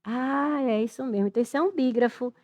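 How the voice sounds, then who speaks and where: Middle-aged Brazilian woman, lively Portuguese teacher reasoning aloud through exam questions. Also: high voice, fast. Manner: animated, thinks aloud, spells letters out. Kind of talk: exam-prep lesson, working through questions.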